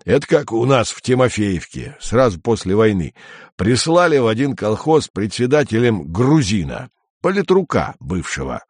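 Guy doing a sardonic old village guy, slow and caustic, low-ish. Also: very animated, husky, no echo. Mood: reminiscing. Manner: unhurried, venomous. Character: older rural man, sardonic storyteller.

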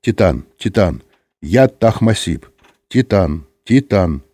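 A man voicing a wry, brisk ship captain who calls over the radio. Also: deep voice, lively intonation, warm tone, no room sound, exaggerated voice. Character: cheerful middle-aged male ship captain.

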